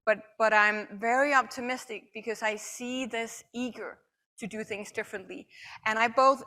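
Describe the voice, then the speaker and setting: Woman keynote speaker fielding questions in a hall, bright and forceful, energetic, stumbles and repeats as she thinks. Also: mid-range voice. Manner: animated, repeats words when restarting. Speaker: conference speaker. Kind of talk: Q&A after a talk. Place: conference hall.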